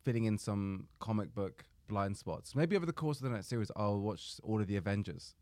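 Man, low voice, lively swoops in pitch, deadpan podcast jokes. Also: a little fast, dry recording, clean studio sound. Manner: deadpan joker. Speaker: podcast co-host. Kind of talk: casual chat. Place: studio.

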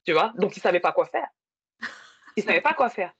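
Woman, husky breathy voice, dry close sound, muffled lo-fi, chatty storytelling. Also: mid-range voice, animated, fairly quick, dry recording. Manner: storytelling with many fillers. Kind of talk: casual conversation.

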